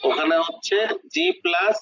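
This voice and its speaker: Husky, lively-pitched male student. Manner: questioning, tries words haltingly. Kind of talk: online language lesson. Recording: dry, dull lo-fi call audio.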